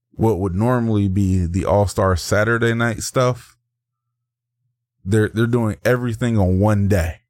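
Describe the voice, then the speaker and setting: A man's voice: on the low side, darkish tone, no room sound, clean studio sound. A man co-hosting a podcast, chatting casually and animatedly, slipping into mock voices to tell stories. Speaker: podcast co-host. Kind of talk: casual chat.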